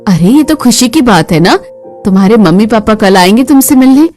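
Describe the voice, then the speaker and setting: A woman voicing a kind, caring middle-aged mother-in-law in an animated family drama, calm and motherly. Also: fairly high pitch, fairly quick, faint music behind, close to an everyday voice.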